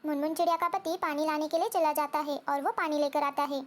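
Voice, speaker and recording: A woman's voice: sits high, fairly even intonation, brisk. A woman narrating a children's cartoon story in a simple, sing-song way.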